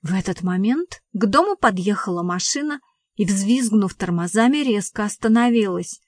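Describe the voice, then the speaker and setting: A woman narrating a first-person audiobook in a brisk, matter-of-fact way. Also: mid-range voice, lively intonation, no room sound, studio quality.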